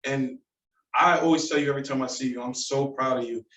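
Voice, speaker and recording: A man, a youth football coach, telling an animated story as a tribute at a council meeting, laughing as he quotes others. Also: medium pitch, brisk. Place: council chamber. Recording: echoey room from far off.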